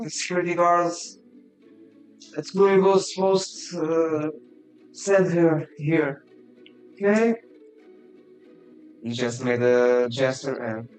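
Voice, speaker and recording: Male game master, slow hesitant narration, mid pitch. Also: rough recording. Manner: hesitant, many fillers and self-corrections.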